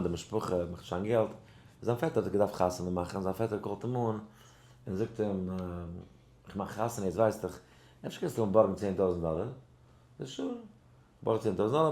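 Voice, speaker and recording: A rabbi giving a Torah class, telling a story and acting out its dialogue, halting with many restarts and mixing in English words. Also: male voice, echoey room. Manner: animated, acts out dialogue in the story with sudden high pitch jumps; mixes English words into Yiddish speech.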